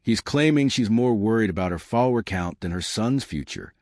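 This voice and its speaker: A man's voice: fairly low pitch, lively intonation, a little fast, darkish tone, dry recording, clean studio sound. A man narrating a scripted commentary with dramatic rhetorical questions.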